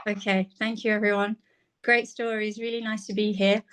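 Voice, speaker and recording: A woman's voice: medium pitch, little pitch movement, moderate pace. A woman from Bangladesh, a senior lecturer, telling her life story on a video call from her phone, thoughtful and full of "um"s. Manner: warm, reflective, with many "um"s. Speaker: guest speaker, senior lecturer. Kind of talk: personal talk on a video call.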